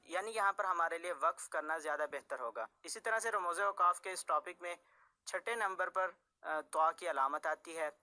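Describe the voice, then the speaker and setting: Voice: mid-range voice, bright, forceful tone. A Quran recitation teacher, patiently explaining tajweed rules and restating each point several ways.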